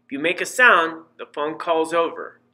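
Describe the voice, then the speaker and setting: A man's voice: fairly high pitch, moderate pace, sharp tone, poor audio. A man voicing a worried, persistent middle-aged mother who pleads and insists as she talks to her son in a storybook reading. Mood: firm, motherly.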